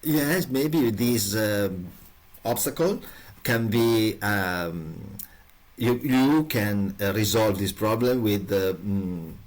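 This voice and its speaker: A man co-hosting a podcast in casual chat, halting and searching for his words. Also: on the low side. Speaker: podcast co-host.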